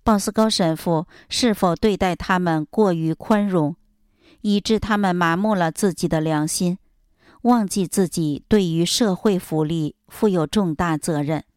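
A woman narrating a religious biography as a steady, measured, solemn scripted reading. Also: lowish voice, clean tone, no room sound, studio quality.

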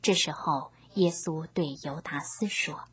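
A woman narrating a scripture story, reading gently in a half-whispered way. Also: low voice, unhurried.

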